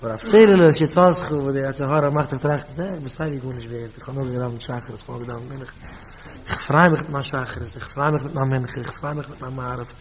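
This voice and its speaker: Emphatic Yiddish-accented rabbi preaching. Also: male voice, medium pitch, steady tone, fairly quick, crowd noise, poor audio. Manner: storytelling, repeats phrases, rises to emphatic bursts. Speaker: rabbi giving a talk.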